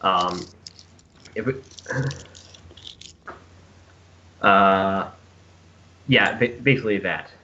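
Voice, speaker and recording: A man's voice: low voice, very slow, long pauses, pushed and bright, a little hiss or hum. A man playing a tabletop role-playing game, speaking in character and often repeating himself as he goes. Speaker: player. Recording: slightly muffled, lo-fi.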